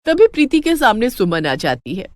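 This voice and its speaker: A woman's voice: medium pitch, moderate pace, no room sound. A woman narrating a cartoon moral story in scripted storybook style. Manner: lively, expressive.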